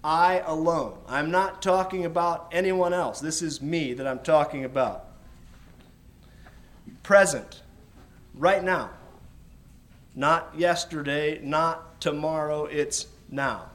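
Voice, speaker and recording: Preacher, male, fairly high voice; teaching sermon, slow and emphatic, repeats key words. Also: a bit bright. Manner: explains slowly with emphatic repetition.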